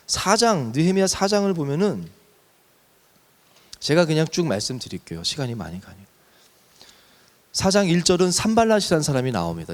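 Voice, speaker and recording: A man preaching a sermon as pastor, telling a story with lively emphasis and slowing to a near whisper on key words. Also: on the high side, long reverb tail.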